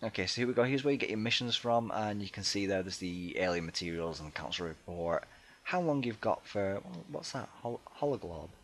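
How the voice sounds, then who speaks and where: A man talking casually over his gameplay, hesitant and chatty, with many ums and restarts and a self-deprecating tone. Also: fairly low pitch. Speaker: let's play gamer.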